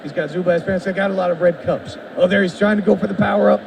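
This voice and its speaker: A game developer hams it up as a wrestling-style announcer while a player tries his game at a live expo demo. He speaks quickly in a high, gravelly, slightly mellow voice with fairly even intonation. Expo-floor noise surrounds the far-off mic.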